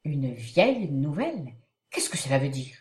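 A woman's voice: deep voice, very animated, moderate pace, a little mellow, reverberant, pitched below the performer's own voice. A woman playing a worried middle-aged father of a bride in a stage comedy, formal and questioning. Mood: puzzled. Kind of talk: dramatic reading of a classic stage comedy.

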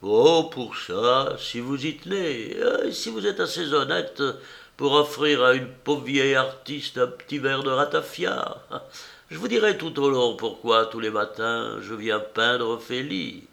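A man's voice: medium pitch, unhurried, gravelly, a bit bright, voice pushed up. A man voicing a garrulous, fussy old woman enameller who rambles on in a prim way. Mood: rambling. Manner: chatty, meandering, prim.

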